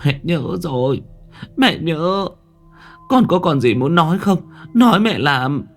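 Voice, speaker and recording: A man voicing an elderly grieving mother with a high, quavering, tearful voice. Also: expressive, measured pace, faint music behind.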